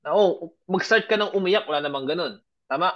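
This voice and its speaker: A man's voice: high-pitched, a little fast. A man teaching an online grammar lesson. He explains patiently, keeps checking that his students understand, and mixes English and example sentences into his talk. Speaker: Japanese language teacher. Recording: dull lo-fi audio.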